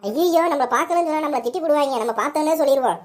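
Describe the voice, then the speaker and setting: A cheeky cartoon boy, played by a woman, rattles off complaints and tells on the other kids. His high voice races along at top speed. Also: lightly acted. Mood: bossy. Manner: rapid, bossy chatter. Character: young boy, bossy tattletale cousin.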